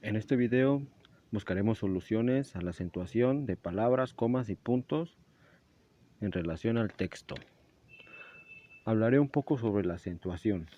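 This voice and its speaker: A man's voice: fairly low pitch, lively intonation, unhurried, long pauses. A young man giving a class presentation, explaining step by step with small slips and self-corrections. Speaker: student presenter. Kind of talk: school presentation narration. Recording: dull lo-fi recording.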